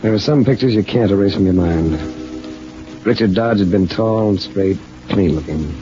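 An actor playing a stern, dry, skeptical private investigator who questions and narrates in an old-time radio detective drama. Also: male voice, deep voice, moderate pace, over music, natural voice. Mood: brooding, wry. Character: hard-boiled, wry, skeptical male private investigator narrating his case. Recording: dull, noisy old radio recording.

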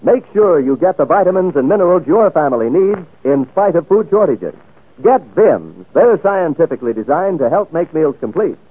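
A man reading a 1940s radio commercial as a brisk, emphatic sales pitch, heard as an old radio broadcast. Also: sing-song, narrow, tinny audio, slight background noise. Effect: old radio broadcast sound. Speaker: commercial announcer.

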